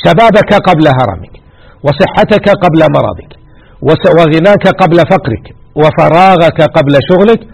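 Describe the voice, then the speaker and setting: A man's voice: on the high side, lively intonation, moderate pace, creaky, darkish tone, husky. A man teaching a religious lesson, exhorting his listeners and repeating key words for emphasis. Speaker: sheikh teaching hadith.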